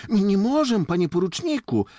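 A man reading aloud voices a gruff young peasant lad in a storybook, blunt and grumbling. The voice sits well above the reader's own, slow and husky. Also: high voice, wildly swooping pitch, fairly bright tone, no echo, studio quality, pitched above the performer's own voice, heavily acted. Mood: protesting.

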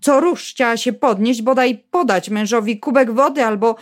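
A woman reading a novel aloud in a steady, measured storytelling voice. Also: on the high side. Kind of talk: audiobook narration.

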